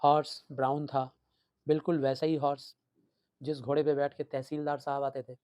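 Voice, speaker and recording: A male teacher retelling and explaining a story for students, animated and repetitive, switching between two languages. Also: medium pitch, moderate pace, no room sound. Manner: animated storytelling, code-switching, repeating for emphasis.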